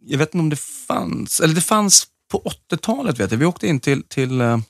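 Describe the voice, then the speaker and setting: Man, gravelly voice, podcast co-host, laid-back and joking, dry sound. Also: on the high side, very animated, no room sound. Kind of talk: casual chat.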